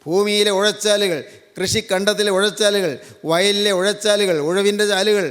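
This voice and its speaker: A man from Kerala preaches in a high, even tone, stacking repeated phrases and firing rhetorical questions at his listeners. His voice hangs in a long, echoing reverb, as if in a large hall. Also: normal speed. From Kerala, India. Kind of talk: sermon.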